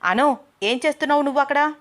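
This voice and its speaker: A woman narrator plays a calm young boss in an audio story, speaking in a measured, gently firm way. His voice stays close to the reader's own, with no strong put-on sound. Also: medium pitch, close to an everyday voice. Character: young man Abhiram, calm boss, anxious inside.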